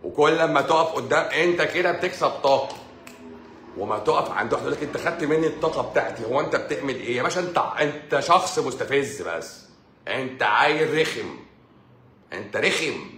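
A man's voice: medium pitch, fairly bright tone, echoey room, a little hiss or hum. A man with an Egyptian accent hosting a live stream, ranting in a sarcastic, mocking way and talking straight at the listener. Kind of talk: casual live-stream rant.

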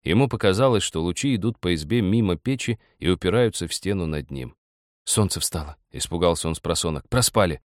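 Deep-voiced man reading a story. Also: expressive, quick pace, hardly any pauses, no echo, clean studio sound. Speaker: audiobook reader. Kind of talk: literary audiobook narration.

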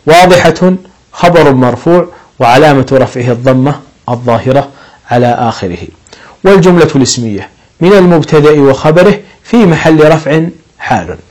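A man's voice: a little high, expressive, normal speed, darkish tone, low-quality recording. A man teaching an Arabic grammar lesson, explaining patiently step by step and lifting his voice on each example sentence.

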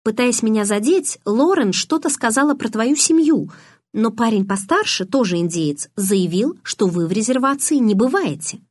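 A shy but stubborn teenage girl, earnest and curious, as a woman reads her in an audiobook. Her voice is soft and earnest, recorded close and dry. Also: on the high side, animated, normal speed, dry recording, pitched above the performer's own voice. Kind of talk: audiobook reading.

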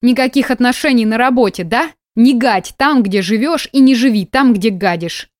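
Brief: woman narrator doing a heated, mocking young woman in an audiobook, bright higher voice, dry booth sound. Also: moderate pace, no room sound, close to an everyday voice. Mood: sarcastic, heated. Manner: biting, sarcastic, emotional. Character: young woman, sarcastic, hurt, quick-tempered. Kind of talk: audiobook dialogue.

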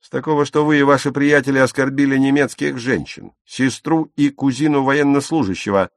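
A proud young woman who gives orders and scorns those around her. A male audiobook narrator puts her on, lifting his low voice into a sharp, forceful, commanding tone. The recording is dry and close. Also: normal speed, no echo, natural voice. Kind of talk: audiobook character reading.

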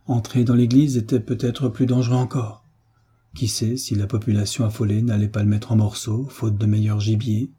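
A man narrating an audiobook in French in a measured, steady reading. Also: fairly low pitch, breathy edge. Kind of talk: scripted narration.

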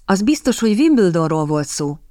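A woman reading the lines of a determined, quick-witted young lady in an audiobook, in an earnest way. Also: lowish voice, big pitch swings, warm tone, no echo, clean studio sound.

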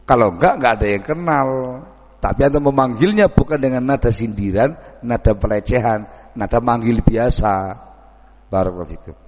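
A man's voice: medium pitch, fairly quick, a little mellow. A man giving a dawn sermon, telling folksy stories and acting out village conversations. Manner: folksy storytelling, acts out village dialogues. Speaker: preacher. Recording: echoey hall, dull lo-fi sound.

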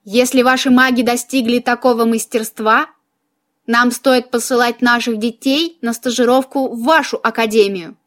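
A woman reading an audiobook, voicing a polite, ironic male elf commander in a measured way. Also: fairly high pitch, steady tone, fairly bright tone, lightly acted. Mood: courteous.

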